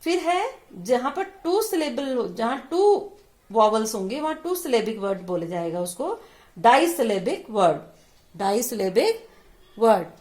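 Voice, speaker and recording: A woman's voice: fairly high pitch, sing-song, normal speed, darkish tone. A woman teacher explaining English vowels, sounding out each word syllable by syllable and repeating it. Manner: mixes Hindi explanation with English words. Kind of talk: slow classroom lesson on vowel sounds.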